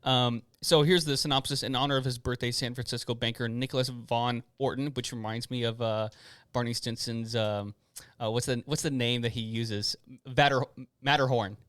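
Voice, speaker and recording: A man in his thirties hosting a podcast in casual chat, animated and chatty, often going off on tangents. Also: medium pitch, moderate pace, clean tone, no room sound, studio quality. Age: 30s.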